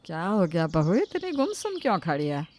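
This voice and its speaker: A woman putting on a gentle old mother-in-law. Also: fairly low pitch, wildly swooping pitch, normal speed, pitched below the performer's own voice. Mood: puzzled.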